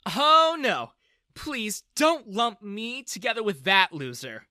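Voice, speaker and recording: A blunt teenage girl in a narrated story, dismissive and outspoken, as a male narrator puts her on. Her voice is pitched far above his own, bright and lively. The recording is dry and close. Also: a little slow, no echo, full character voice. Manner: blunt, eye-rolling. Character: blunt, scornful teenage daughter.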